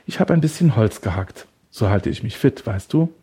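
A man's voice: lowish voice, lively intonation, moderate pace, mellow, breathy edge. A man voicing a deranged male woodcutter who holds someone captive, taunting and smug, then creepily tender. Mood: mocking. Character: deranged male woodcutter kidnapper, mocking and obsessive.

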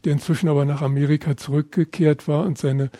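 Older man from Berlin reading his memoir: measured and reflective, with a slightly high, mellow voice and a dry sound. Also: flat delivery, no echo. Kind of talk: reading aloud from his own book.

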